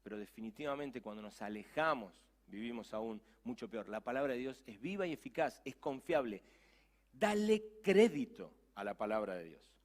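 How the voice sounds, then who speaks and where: Lively Argentine pastor preaching. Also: male voice, mid-range voice, normal speed. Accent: Rioplatense Spanish. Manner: animated, swings between hushed asides and loud exclamations. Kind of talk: sermon.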